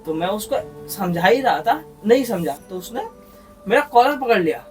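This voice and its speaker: A young man with a Mumbai Hindi accent telling a horror story on a podcast in a casual, slangy, animated way, full of crude humor. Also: high voice, normal speed. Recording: distant mic with music behind.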